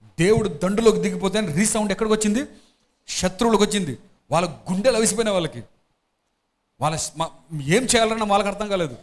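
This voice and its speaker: High-voiced preacher. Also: male voice. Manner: reads scripture slowly and loudly, then explains in lively chat; asks the congregation questions often. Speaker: pastor. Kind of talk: expository Bible sermon.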